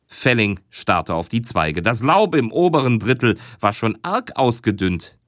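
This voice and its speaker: A man narrating a crime audiobook in a measured, expressive storytelling manner. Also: mid-range voice, dry recording, clean studio sound. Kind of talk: scripted narration.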